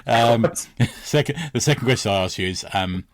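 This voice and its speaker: A man's voice: medium pitch, normal speed. A man hosting a podcast in an easygoing chat, often ending with tag questions. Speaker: podcast host. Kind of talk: casual chat.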